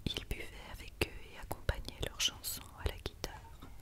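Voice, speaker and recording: A woman reads a Christmas story as ASMR in a breathy, unvoiced whisper, hushed and quiet as if at night. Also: moderate pace. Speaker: ASMR reader.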